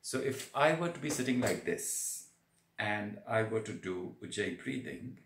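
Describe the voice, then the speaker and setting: A man giving a spoken yoga breathing lesson, explaining in a halting, deliberate way with repeated words. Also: on the low side, animated, fairly bright tone, a little hiss or hum. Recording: roomy echo on the voice.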